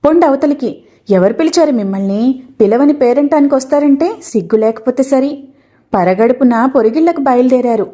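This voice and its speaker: This is a spoken storybook voice for a fierce, grieving middle-aged mother, as a woman narrator puts her on. She cries and lashes out in anguish. The voice sits a little high with a soft, mellow warmth. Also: animated, moderate pace. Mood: furious. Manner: anguished, crying and shouting.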